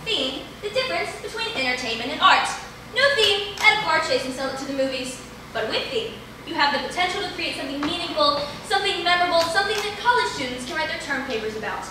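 A young woman playing a brisk, wry playwriting lecturer in a live stage comedy sketch, lecturing with dry asides, recorded from far off in a theater. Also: high voice, lively intonation. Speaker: stage actor. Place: large indoor theater stage. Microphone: distant camera mic. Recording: echoey hall from far off, noisy.

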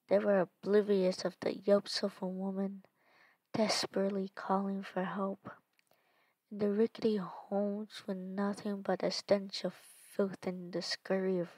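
A woman hosting a storytelling podcast, reading a dark story in a soft, hushed voice that often drops near a whisper. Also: mid-range voice, little pitch movement, takes it slowly, slightly rough, no room sound.

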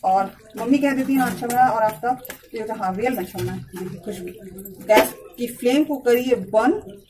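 A young woman chatting softly and slowly while she cooks in her home kitchen, recorded on a phone. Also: fairly high pitch, distant mic, very noisy. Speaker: cooking vlogger. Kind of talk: casual home cooking vlog.

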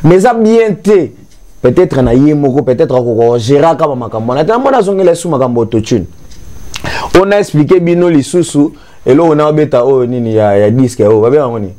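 Animated young man critiquing, mellow voice. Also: medium pitch, a little fast. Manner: animated, gesturing, mixing Lingala and French. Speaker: commentator. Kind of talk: studio talk-show critique. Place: TV studio with grey sofa.

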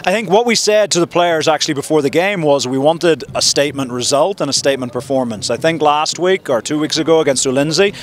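Football coach talking outdoors into reporters' mics. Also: male voice, on the high side. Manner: measured, reflective, frequent "you know" and "look". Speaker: head coach. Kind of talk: post-match press interview. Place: outdoors at a stadium in front of a sponsor backdrop. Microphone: several handheld reporter mics held close.

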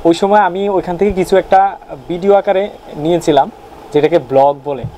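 A man's voice: a little high, a little fast, mellow, slight background noise, rough recording. A young man from Chittagong with a Chittagong Bengali accent, chatting casually in a vlog and joking about his regional words while quizzing the viewer. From Chittagong region of Bangladesh. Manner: playful, jokey, asks the viewer questions. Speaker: YouTuber.

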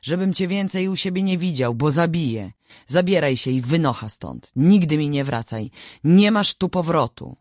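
A woman's voice: a bass voice, moderate pace, dry recording, studio quality. A woman reading the lines of a harsh, furious older peasant father in a storybook, barking threats.

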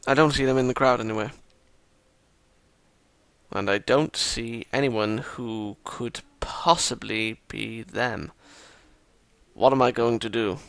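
A man's voice: mid-range voice, steady tone, takes it slowly, vocal fry, long pauses, fairly bright tone, clear, resonant tone, no room sound. A man reading a visual novel aloud with commentary and sarcastic, self-mocking asides. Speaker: gameplay commentator.

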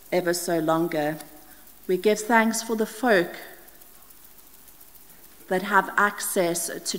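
A middle-aged woman from the Scottish Highlands leads prayers from a church lectern, reading steadily and carefully despite small slips. She's indoors in a brick-walled church hall, picked up by a stand mic at the lectern with a wide camera view, and the hall's reverb is long.

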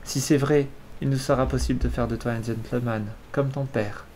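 A man reading the lines of a gracious, wealthy middle-aged countess in a soft, measured, murmuring way, in a storybook reading. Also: mid-range voice, steady tone, slight background noise, close to an everyday voice. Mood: gentle.

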